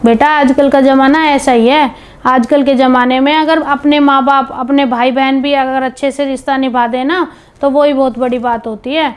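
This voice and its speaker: A woman's voice: sits high, steady tone, moderate pace, natural voice. A woman playing a wise, motherly mother-in-law. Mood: consoling. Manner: gentle, advising, motherly. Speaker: mother-in-law in a family drama. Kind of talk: scripted home video family drama. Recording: background music under dialogue.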